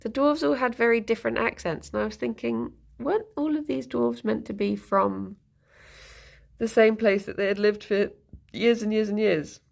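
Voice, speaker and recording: With a slightly high, steady voice touched by vocal fry, a woman talks at a moderate pace while streaming live. She chats casually, responding to viewer messages in a rambling manner and giggling often.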